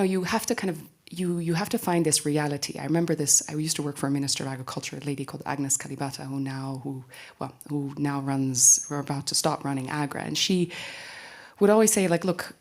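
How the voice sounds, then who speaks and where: Woman, low voice, from Tanzania, panelist, earnest, chatty. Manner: earnest, conversational, frequent "right?". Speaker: panelist, company founder. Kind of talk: panel discussion.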